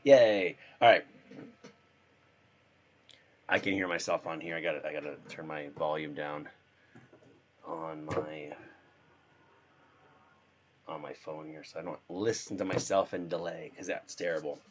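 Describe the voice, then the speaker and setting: Very deep-voiced hoarse man streaming. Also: fairly even intonation, moderate pace, long pauses, dull audio, noisy background. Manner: rambling, thinking aloud. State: hoarse from being sick. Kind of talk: casual live-stream chat while gaming.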